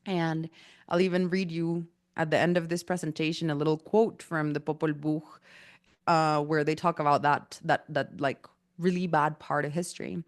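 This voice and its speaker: A lower-pitched woman leads an online workshop in a loose, chatty way, full of fillers and asides. Her throat is a little irritated. The sound is dry and close. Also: little pitch movement, moderate pace, no room sound. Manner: casual, chatty, with many fillers. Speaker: workshop teacher. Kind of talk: online presentation talk.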